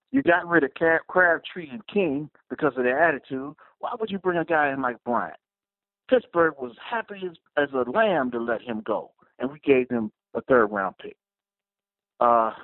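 A man's voice: medium pitch, dry recording. A man from Maryland calling in to a radio show over the phone, delivering a blunt, frustrated rant. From Maryland, USA. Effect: phone-line caller voice. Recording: tinny phone line.

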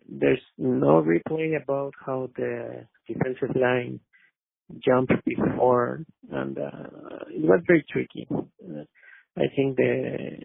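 Gravelly, raspy man on the phone. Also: mid-range voice, no room sound. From Mexico City, Mexico. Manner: hesitant, polite, many "uh" fillers. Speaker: caller. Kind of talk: call-in sports talk. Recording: dry phone line.

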